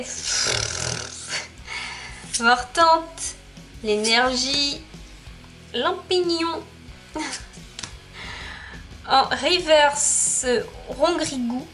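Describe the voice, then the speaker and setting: High-voiced woman chatting slowly. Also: a bit bright. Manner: chatty, reads off card names, laughs often. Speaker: YouTuber opening trading card packs. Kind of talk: casual unboxing commentary.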